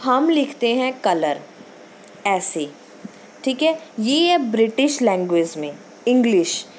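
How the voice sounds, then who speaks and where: A woman teacher with a Punjabi accent giving a lecture on English pronunciation, reading English lines slowly and explaining them quickly in Hindi. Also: fairly high pitch, very animated, darkish tone, slight background noise.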